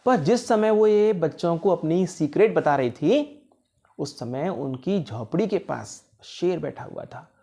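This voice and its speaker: A man narrating a children's fable with lively, rising and falling delivery. He turns to his young listeners with questions as he goes, pausing and pressing on with the tale. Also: on the high side, creaky. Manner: animated, asks the listeners questions. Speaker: motivational speaker. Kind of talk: storytelling for children.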